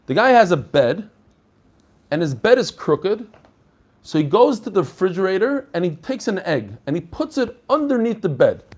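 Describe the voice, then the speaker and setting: A man's voice: sits high, very animated, moderate pace, a little mellow. A man giving an informal religious lesson as a rabbi, explaining conversationally and posing rhetorical questions. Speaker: rabbi teaching a daily Talmud class.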